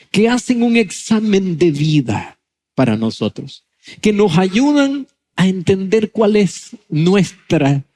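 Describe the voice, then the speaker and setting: A male pastor giving a sermon, telling a story with lively acted-out dialogue. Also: a little high. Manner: animated storytelling, acts out dialogue.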